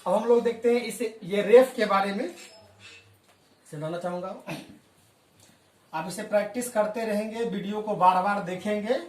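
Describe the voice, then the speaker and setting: A male teacher giving a spoken language lesson, patiently explaining and slowly repeating example words. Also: sits high. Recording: echoey room, voice from a distance.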